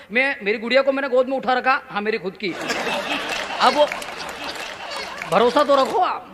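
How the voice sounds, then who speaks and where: Male stand-up comic poet, very high bright voice, acts out the voices of the people in his stories, on stage with a mic. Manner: animated, acts out quoted voices, playful audience asides. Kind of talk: humorous stage storytelling. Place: stage before a live audience. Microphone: stage microphone.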